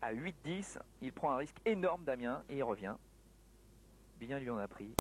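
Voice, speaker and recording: A man's voice: medium pitch, lively intonation, moderate pace. A man giving live sports commentary on a table tennis match. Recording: noisy sports hall broadcast, background ambience. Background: sports hall noise.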